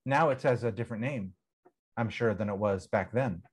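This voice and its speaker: A man hosting a podcast in casual conversation, playful and quick to laugh, wandering off on tangents. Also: fairly low pitch, breathy edge. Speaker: podcast host.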